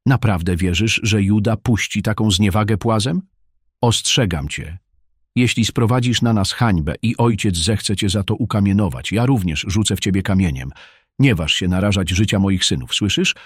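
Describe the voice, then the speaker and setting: A man's voice: lowish voice, moderate pace, breathy edge, no room sound, clean studio sound. A man reading an audiobook, voicing a stern mother who commands her daughter to obey. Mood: threatening.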